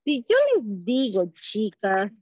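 Slow, measured woman teacher. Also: mid-range voice, expressive, darkish tone, no echo. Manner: slow, guiding, asks questions. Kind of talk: online class instruction. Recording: muffled, dry video-call audio.

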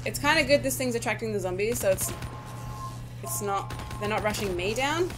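A fairly high-voiced woman talks through her gameplay in a casual, nervous stream of commentary. She swears freely and begs the game for luck. Faint game music plays behind her. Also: animated, normal speed. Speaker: gaming YouTuber.

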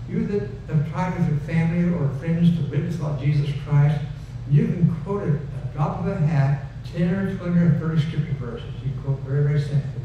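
Here the older male pastor talks briskly, his pitch on the high side, giving a folksy, conversational sermon at the pulpit where he repeats lines for emphasis and then leads a prayer. The setting is an indoor church stage with wood paneling, picked up by a headset mic. Sound is echoey, noisy, distant and dull.

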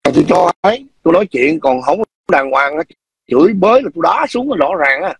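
A man lectures his livestream viewers in a raspy, strained voice that sits high in his range. He scolds in a combative, repetitive way and keeps demanding whether they understand. The recording is dry and close, with no room sound. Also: animated, fairly quick, no room sound. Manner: frequent throat clearing. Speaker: livestream host. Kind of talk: ranting livestream commentary.

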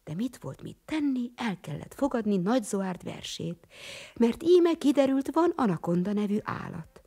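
A woman narrating a children's storybook, often dropping into a breathy half-whisper. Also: mid-range voice, very animated, mellow. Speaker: audiobook narrator.

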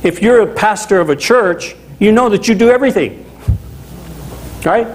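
A middle-aged man from Louisiana preaching a sermon as a pastor in a small chapel, talking in a conversational, animated way with asides. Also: high voice, moderate pace, soft background music, poor audio. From Louisiana, USA.

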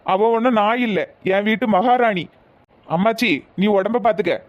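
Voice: medium pitch, moderate pace, no room sound, highs cut off, pitched below the performer's own voice, close to an everyday voice. A voice actor playing a stubborn young village man, speaking firmly and curtly. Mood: defiant. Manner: firm, curt. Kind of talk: cartoon voice acting.

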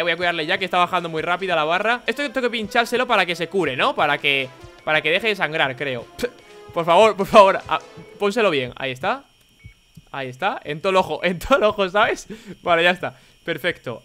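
A young man with a Spain Spanish accent, giving excitable, chatty gameplay commentary and laughing often. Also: sits high. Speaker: gaming YouTuber.

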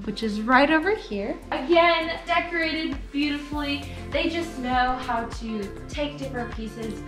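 A woman's voice: fairly high pitch, fairly bright tone. A young woman narrating a casual home tour in a bubbly, gushing manner. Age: young adult. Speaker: travel vlogger. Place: indoor hangar home. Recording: roomy echo with faint music.

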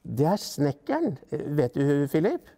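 A man's voice: fairly high pitch, huge pitch swings, dark tone, long reverb tail, exaggerated voice. A man voicing a small, shy young boy who talks in a small, pleading way in a read-aloud storybook. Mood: earnest.

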